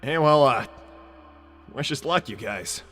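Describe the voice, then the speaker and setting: A brash young cartoon hedgehog hero, performed by a man, with a bright, forceful voice that moves freely up and down. He talks casually and haltingly, easygoing but sure of himself. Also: mid-range voice, animated. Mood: casual, decisive. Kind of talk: improvised character roleplay on a livestream.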